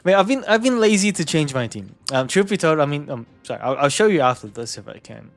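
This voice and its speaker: A man's voice: on the high side, sing-song, quick pace, soft background music. A young man with a New Zealand accent chatting casually with stream viewers, easygoing, chuckling often and repeating words. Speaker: game streamer.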